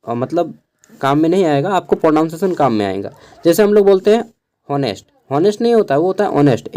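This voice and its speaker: Young male tutor from Jharkhand, Khortha first language, somewhat high, mellow voice, patient casual lecture spelling words out. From Jharkhand, India. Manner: explains slowly, spells words out letter by letter; keeps checking in with listeners. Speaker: teacher. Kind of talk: casual exam-prep lecture.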